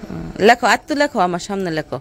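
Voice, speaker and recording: A woman, narrating a casual family vlog and gently coaxing a small child to write. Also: medium pitch, animated, racing, vocal fry. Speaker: village vlogger. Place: village home, outdoors.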